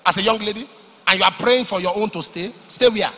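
A man preaching a sermon, moving between loud emphatic declarations and low, confiding storytelling. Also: fast talker. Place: large church hall. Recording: long hall reverb.

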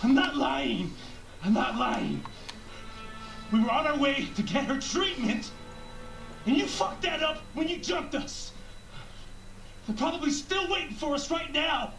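A man's voice: very high voice, expressive, measured pace, vocal fry, pauses often, a bit bright, reverberant, soft background music, full character voice. An actor playing a tense male soldier who gives blunt orders and swears heavily. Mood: urgent. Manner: clipped, urgent orders, heavy swearing.

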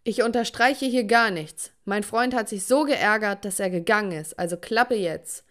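A woman voicing an angry, strict middle-aged father in an animated story, loud and scolding. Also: mid-range voice, unhurried, smooth, lightly acted.

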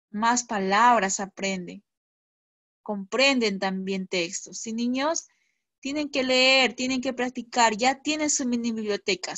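A woman teaching children over a video call. Her voice sits a little high and sounds dry and close. She speaks patiently and keeps asking whether they follow. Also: a bit bright, dry recording. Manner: patient, checks in with "¿ya?" and "¿sí?". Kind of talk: online class teaching.

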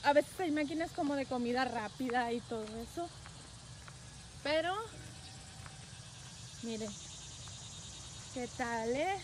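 A woman's voice: sits high, slow pace, long pauses, noisy background. A woman truck driver, chatting casually with viewers on a live stream from a phone outdoors at a rest area, greeting them by name and laughing often. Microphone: phone held at arm's length.

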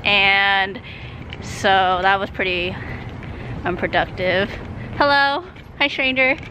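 A woman's voice: medium pitch, slow pace, sharp tone, slight background noise. A woman in her twenties, a nursing student, chatting casually to camera in a vlog, full of "like" and "um". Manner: chatty, filler-heavy, uses "like" a lot.

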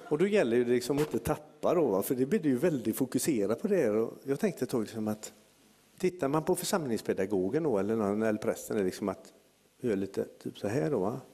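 A man preaching, telling a long story and putting on the voices of the people in it. His voice is gravelly and husky, with a dark, mellow tone. The sound rings with a long hall reverb. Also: mid-range voice. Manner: lively anecdotal preaching with acted-out quotes. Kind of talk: sermon storytelling.

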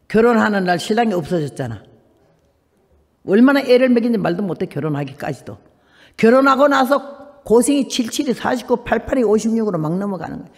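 An older woman missionary giving a church testimony, telling her story with animated acted-out dialogue in a high voice. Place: church hall. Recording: echoey hall reverb.

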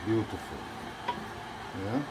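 Brief: middle-aged man, lowish voice, home cooking host, chatty, caught on a distant camera mic in a noisy, echoey kitchen. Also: animated, slow. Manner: chatty, frequent "yeah?" and "you know what I mean?" tag questions. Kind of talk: casual cooking demonstration. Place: small home kitchen, indoors.

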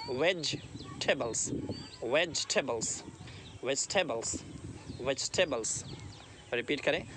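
A man teaching a lesson, slowly repeating each word twice as a drill. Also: a little high, noisy background. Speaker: English teacher. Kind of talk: Hindi-English language lesson.

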